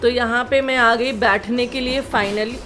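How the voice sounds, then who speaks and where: A woman's voice: fairly high pitch, fairly even intonation, a little slow, sharp tone, slight background noise. Chatty woman vlogging from her kitchen. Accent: Jharkhand Hindi. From India. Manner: chatty, storytelling, talks while cooking. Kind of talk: casual home vlog chat. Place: home kitchen.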